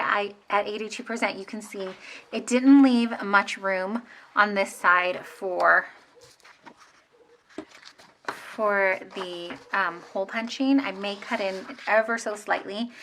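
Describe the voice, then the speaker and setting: Woman, 30s, bright casual planner vlogger, chatty with many restarts, faint noise behind. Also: medium pitch. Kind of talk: casual plan-with-me narration.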